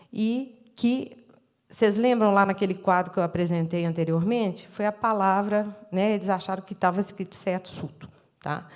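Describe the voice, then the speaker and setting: A middle-aged woman with a Brazilian Portuguese accent gives a university lecture at an ordinary pitch. She explains patiently, voices classroom dialogue as she retells it, and keeps checking in with the audience through short tag questions. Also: a little mellow. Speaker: education professor giving a talk. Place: lecture room.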